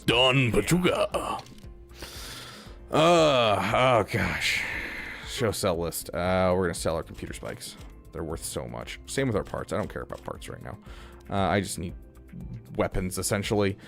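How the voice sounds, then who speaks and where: A man's voice: low voice, animated, fairly quick, vocal fry, faint music behind. A man streaming a video game, chatting casually and rambling with lots of fillers. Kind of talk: casual gaming stream chat.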